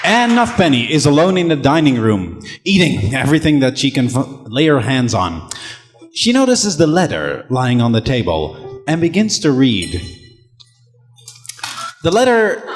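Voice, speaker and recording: A man's voice: mid-range voice, huge pitch swings, unhurried, pauses often. A young man narrating an improvised stage play, reading the stage directions aloud. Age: young adult. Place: large stage hall. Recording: hall reverb with music behind.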